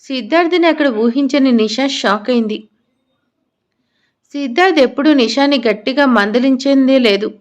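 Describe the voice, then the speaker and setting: A woman narrates a drama story with expressive delivery. Her voice sits slightly high. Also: normal speed, lo-fi sound.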